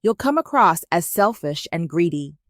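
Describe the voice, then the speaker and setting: A woman voicing a smug, condescending middle-aged stepmother who talks in a sharp, dismissive way. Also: lowish voice, big pitch swings, moderate pace, dry recording, studio quality. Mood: taunting.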